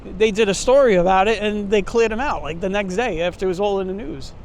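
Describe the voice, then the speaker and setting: A man's voice: sits high, fast talker. A man with a Brooklyn accent giving chatty, informal commentary as he hosts a walking tour. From Brooklyn, New York. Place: outdoors on city streets, walking. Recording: street noise, traffic and vehicles. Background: street ambience and vehicles.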